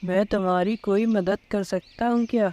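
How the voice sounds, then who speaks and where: A woman's voice: mid-range voice, fairly even intonation, slight background noise, natural voice. A woman voicing a kind magic egg house. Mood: reassuring. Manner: gentle, reassuring.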